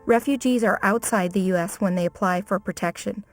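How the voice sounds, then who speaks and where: A woman giving calm, scripted narration for a documentary. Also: mid-range voice, faint music behind. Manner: measured, informative.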